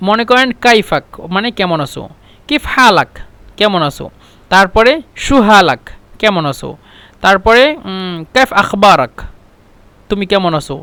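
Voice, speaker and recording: A man's voice: high-pitched, a bit bright, smooth, no room sound. A man teaching spoken Arabic phrases in a casual lesson, repeating each phrase and explaining it with small hesitations.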